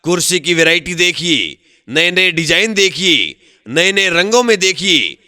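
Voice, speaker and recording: A high, bright male voice calls out a vendor's offer in a sing-song hawker's style. He speaks slowly and drawn out, repeating each slogan. The recording is dry and close. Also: lively intonation, no echo. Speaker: street vendor announcer. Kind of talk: recorded loudspeaker sales pitch.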